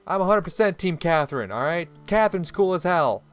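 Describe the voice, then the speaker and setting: A man's voice: sits high, lively intonation, a little fast, faint music behind. A young man commenting on a visual novel playthrough, heated, laughing and swearing a lot. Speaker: gaming YouTuber. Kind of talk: let's play commentary.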